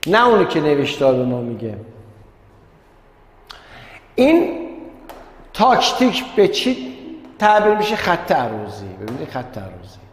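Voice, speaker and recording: A male teacher gives an online lesson in a slightly high voice. He repeats key words and keeps turning to address his pupils directly. The recording is roomy, with a long reverb trailing each phrase. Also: very animated, pauses often. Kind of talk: online class lecture. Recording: echoey room with long reverb.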